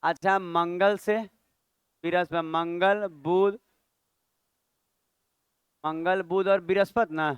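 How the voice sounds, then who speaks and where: Maths teacher guy lecturing a class, high voice, super clear and dry, keeps scolding the kids. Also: steady tone, slow pace, pauses often, dry recording, muffled recording. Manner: scolding, chatty teacher who quizzes students aloud.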